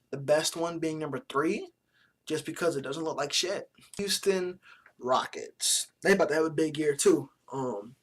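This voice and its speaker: A man's voice: fairly high pitch, husky. A man casually reviewing new basketball jerseys in a vlog, with blunt opinions, plenty of swearing and loose slang. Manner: blunt, profane, joking opinions; relaxed slangy talk. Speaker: sports vlogger.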